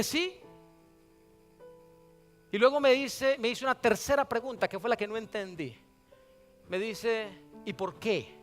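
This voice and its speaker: A male pastor preaching a sermon. He tells a personal story and quotes the dialogue in it. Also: high-pitched. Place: church sanctuary. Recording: long church reverb with faint instrument music.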